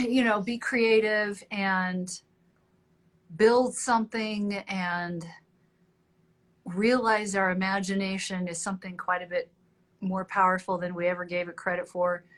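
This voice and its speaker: A woman's voice: medium pitch, steady tone, unhurried, pauses often. A woman hosting a casual livestream interview, chatting with her viewers and thinking aloud between questions.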